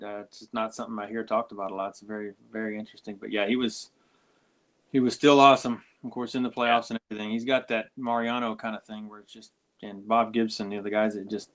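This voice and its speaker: A man's voice: fairly low pitch, a bit bright. Enthusiastic male podcast co-host. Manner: enthusiastic, asks questions. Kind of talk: casual podcast chat.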